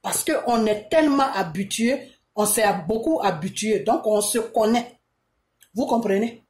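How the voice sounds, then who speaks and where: A woman's voice: fairly high pitch, lively intonation, measured pace, a little mellow. An Ivorian woman with an Ivorian French accent giving an impassioned monologue to her viewers, emphatic and full of repeated rhetorical questions. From Côte d'Ivoire. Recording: echoey room.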